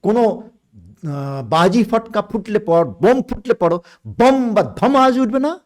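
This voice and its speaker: This man has a high voice that moves up and down a lot. He talks as a guest on a podcast about spiritual ideas, and he explains things in a measured, patient way, stopping now and then to find the right word. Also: expressive. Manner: measured and explanatory, with searching pauses.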